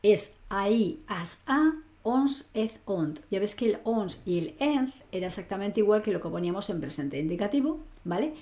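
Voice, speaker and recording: A woman's voice: medium pitch, expressive, normal speed, dark tone. A woman teaching an online grammar lesson, explaining patiently and often checking in with her student. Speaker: language teacher.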